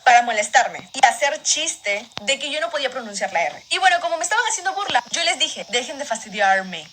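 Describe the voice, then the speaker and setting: A woman tells a personal story at high speed, in a bright high voice. Her retelling is expressive and dramatic. Steady background noise sits under the recording. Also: fairly quick. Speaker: storytime narrator. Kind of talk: animated storytime narration.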